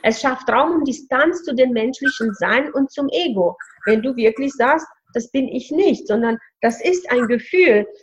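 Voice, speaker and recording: A high-voiced woman explains her advice step by step, like a coach guiding a listener. Her voice is husky and breathy. The recording is dull and lo-fi. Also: lively intonation, moderate pace, hardly any pauses. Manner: explaining, instructive. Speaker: spiritual coach. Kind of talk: coaching talk.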